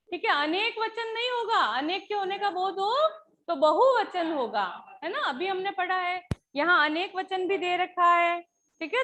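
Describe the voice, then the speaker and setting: A woman's voice: very high voice, fairly bright tone. A woman teacher explaining Hindi grammar patiently, often checking with the class as she goes.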